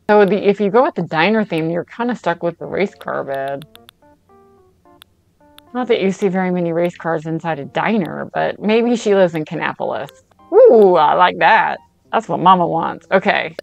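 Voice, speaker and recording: A middle-aged woman with a low, gravelly voice chats playfully as she plays a game for the first time. She talks back to the characters on screen and pokes fun at herself, with faint game music underneath. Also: highs cut off. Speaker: gamer's mother playing a game. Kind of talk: casual play-along chat.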